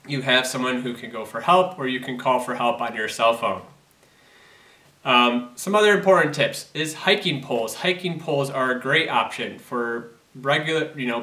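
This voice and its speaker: A man's voice: mid-range voice, bright, forceful tone. A man in his thirties, a physical therapist, giving earnest advice straight to camera with many fillers and restarts, recorded indoors against a plain backdrop. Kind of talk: educational talk to camera. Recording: roomy echo, somewhat distant mic.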